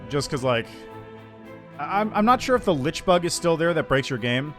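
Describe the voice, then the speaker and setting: A man's voice: fairly high pitch, lively intonation, normal speed, a bit bright, soft background music. A man chatting casually with viewers on a livestream through a headset mic, greeting them and reading chat aloud between gaming remarks. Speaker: streamer.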